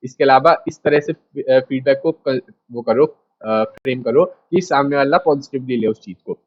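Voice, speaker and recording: A man's voice: medium pitch, moderate pace, lo-fi sound. A man teaching a class in a casual, direct way, repeating his points and talking straight to the students. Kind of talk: casual lecture.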